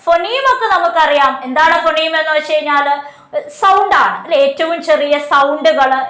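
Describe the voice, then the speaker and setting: A woman teaching an exam coaching class. She poses questions and answers them herself, reading slowly and explaining quickly. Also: sits high, fairly bright tone, roomy sound. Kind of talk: online class lecture.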